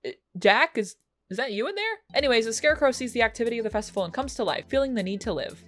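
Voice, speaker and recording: A young woman reviewing films in casual chat, sarcastic and swearing freely, with sudden jumps up in pitch for jokes. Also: animated, rapid-fire, fairly bright tone, soft background music. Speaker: film reviewer.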